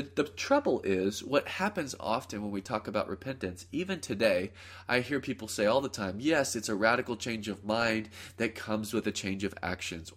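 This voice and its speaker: Male podcast host, lowish voice, nasal from a cold, casual rambling teacher, close mic. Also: a bit bright. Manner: rambling, self-correcting, fillers. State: congested from a cold.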